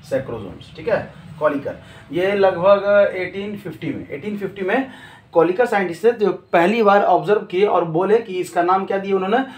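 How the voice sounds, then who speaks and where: Echoey, high-voiced man teaching a class. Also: normal speed. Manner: asks questions and answers them himself, repeats key terms. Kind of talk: classroom lecture. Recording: echoey room.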